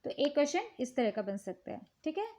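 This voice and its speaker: A woman with an Indian accent, calmly explaining children's worksheets one step at a time. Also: high voice. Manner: slow, patient, repeats "ठीक है" often. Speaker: teacher showing worksheets. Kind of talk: casual instructional talk.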